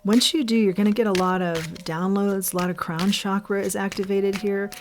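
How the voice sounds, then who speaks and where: A woman giving an intuitive tarot reading as host, saying the card names slowly and repeating her advice earnestly. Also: medium pitch, steady tone, a little hiss or hum. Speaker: tarot reader.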